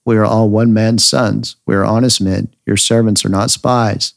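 A man reading the pleading words of frightened brothers, in a slow low voice. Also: steady tone, vocal fry, dry recording, clean studio sound.

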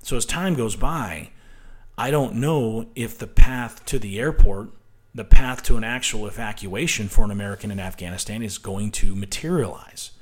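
An emphatic male commentator delivering a combative solo monologue. His voice sits fairly low, and he leans hard on his points, often checking in with a quick questioning aside. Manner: emphatic, combative, repeats "right?". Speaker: commentary show host.

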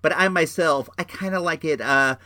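A man's voice: a little high, normal speed, pushed and bright, no echo, studio quality. A middle-aged man hosting a show with casual, rambling reviews, enthusiastic and slangy, often repeating his phrases. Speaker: show host.

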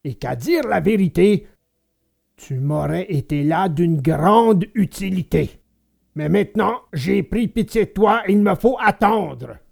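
A man voicing a gruff bearded male puppet master with a hollow, gravelly voice, barking orders though soft at heart. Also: sits high, expressive, unhurried, exaggerated voice. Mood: commanding. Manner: barks orders, then softens.

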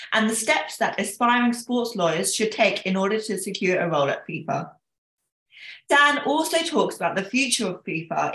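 A woman's voice: mid-range voice, a bit bright, echoey room. A young woman hosting a podcast interview, speaking with many fillers and hesitations. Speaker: podcast host.

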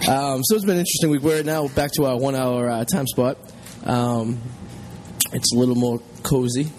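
A man's voice: mid-range voice, fairly even intonation, moderate pace, darkish tone, slight background noise. A man hosting a casual comedy radio show, joking crudely and giving blunt opinions.

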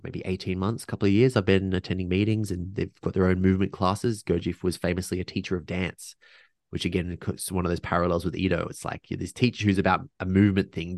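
A man's voice: deep voice, level tone, a little fast, vocal fry, a little mellow, dry recording, studio quality. A man speaking as a podcast guest in casual conversation, reflective and earnest, restarting sentences often and sprinkling in slang.

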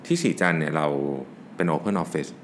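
A man with a low, deep voice gives a relaxed solo talk on working better. He explains things casually, slipping English work terms into his sentences. A faint background noise sits under his voice. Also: normal speed. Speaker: podcast host and business owner.

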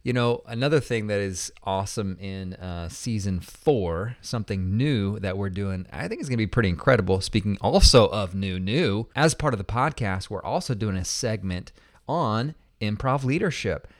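A man's voice: lowish voice, animated, normal speed, no echo, studio quality. A man co-hosting a podcast, bantering playfully and teasing the others. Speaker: podcast co-host. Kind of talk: casual podcast chat.

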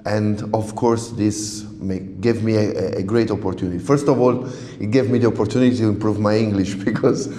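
This interview features a southern Italian researcher, a radiobiologist, whose native tongue is Italian but who speaks English here. He sounds fairly low, steady and warm, a little quick, yet hesitant, with many fillers and restarts as he reaches for words, in an echoey, big-room sound.

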